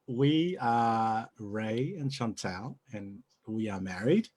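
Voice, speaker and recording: In a casual video-call interview from home, a New Zealand-born church pastor in his thirties talks easily about his family and work, laughing often. His lowish, darkish voice is animated and breathy, and he takes it slowly.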